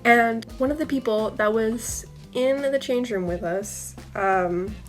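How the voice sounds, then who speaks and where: A young woman tells a casual storytime for her vlog, chatty and loose, with plenty of fillers. Her voice sits a little high. Soft music plays faintly behind her. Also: slow pace. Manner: chatty, many fillers, laughs while telling. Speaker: vlogger.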